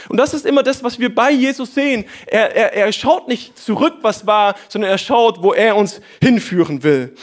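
A man preaching a sermon, reading Bible verses and speaking straight to his listeners with lively asides. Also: very high voice.

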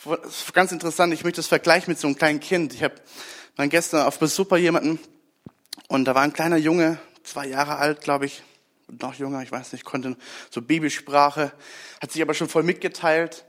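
A man preaching a sermon in a conversational way, often asking his listeners for agreement and dropping to a soft voice on key points. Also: on the high side, steady tone, brisk.

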